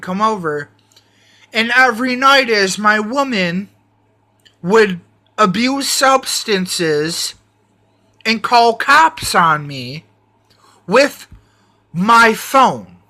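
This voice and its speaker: A man's voice: sits high, sharp tone. A man telling a rambling, profane personal story, repeating himself and stalling often. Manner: rambling, profane, repetitive, halting with fillers.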